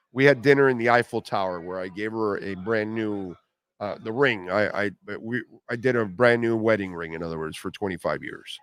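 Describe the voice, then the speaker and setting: A man's voice: on the low side, a bit bright, smooth. A man hosting a radio show, giving informal, wry sports-talk commentary in a conversational way.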